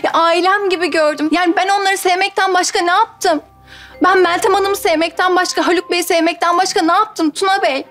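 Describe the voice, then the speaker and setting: Sitcom schemer: very high, self-pitying, faint music behind. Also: female voice, fairly even intonation, a little fast, a bit bright. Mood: plaintive. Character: Tutku, scheming young woman playing the victim. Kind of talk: TV sitcom acting.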